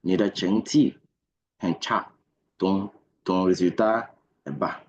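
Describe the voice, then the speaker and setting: A man gives a language lesson, taking his time and repeating each word and point patiently. His voice sits on the low side with a husky edge. The recording is dull and lo-fi. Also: slow. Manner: patient, repeats words and explanations. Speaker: Chinese language teacher.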